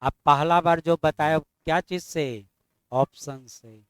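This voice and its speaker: Man, math teacher, quizzing and mildly scolding, clear resonant voice. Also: a little high, steady tone, slow pace, dry recording. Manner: drills students with constant questions, mildly scolding. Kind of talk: classroom math lesson.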